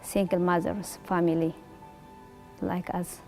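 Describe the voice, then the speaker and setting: A woman speaks earnestly in a documentary interview, using simple, direct phrasing. Her voice is low-pitched and warm. Faint music runs beneath her. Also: flat delivery, slow, gravelly. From Eritrea. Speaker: resettled refugee.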